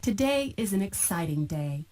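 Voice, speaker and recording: A woman narrating a textbook listening exercise in an even, carefully enunciated reading. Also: mid-range voice, moderate pace, low-quality recording. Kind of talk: scripted textbook audio narration.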